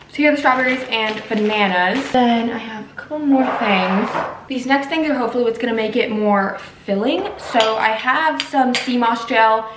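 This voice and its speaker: A woman's voice: fairly high pitch, reverberant, background noise. A woman recovering from wisdom teeth removal, chatting casually to camera as she narrates her meals in a food vlog. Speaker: food vlogger.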